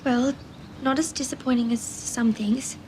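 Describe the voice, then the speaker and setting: Actress as a high-voiced, wounded young Australian woman. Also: steady tone, unhurried, a little mellow, a little hiss or hum, natural voice, low-quality recording. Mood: guarded. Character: sensitive, hurt young bride-to-be leaving her friends. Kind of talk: television soap drama acting. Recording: TV soundtrack, faint music.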